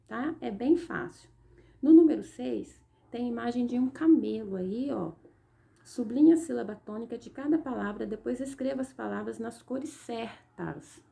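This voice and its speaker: A woman's voice: on the high side, creaky, warm tone. A Brazilian woman teacher explaining a lesson to young pupils step by step, often checking in with short questions. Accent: Brazilian Portuguese. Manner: patient, explaining step by step, frequent "tá?" check-ins. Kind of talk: recorded remote class lesson.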